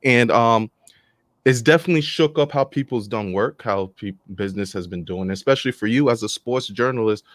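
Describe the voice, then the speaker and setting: A man co-hosting a podcast interview over a video call, speaking in a relaxed, casual way that often repeats and restarts words. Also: medium pitch, brisk, no echo, studio quality. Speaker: podcast co-host.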